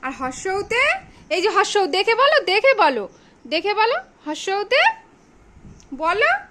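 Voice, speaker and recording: A woman's voice: very high-pitched, very animated, a little slow, sharp tone. A woman tutoring a small child at home, repeating prompts, coaxing and scolding in turns. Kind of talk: home reading lesson with a child.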